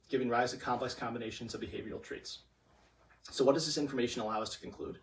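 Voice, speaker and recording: A young man giving a prepared persuasive competition speech in a stiff, formal, memorized delivery. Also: mid-range voice. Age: young adult. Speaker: student competition speaker. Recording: distant microphone.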